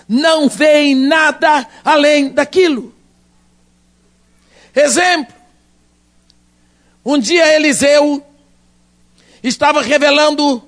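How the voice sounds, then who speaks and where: A man preaching a sermon, swinging dramatically between shouts and hushed asides. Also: very high voice.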